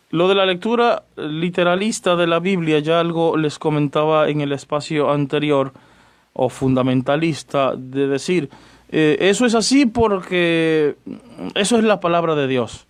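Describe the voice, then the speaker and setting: Chatty priest on radio. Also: male voice, on the high side, a little slow, smooth. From Dominican Republic. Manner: chatty, greets listeners by name between points. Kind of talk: radio teaching on church doctrine.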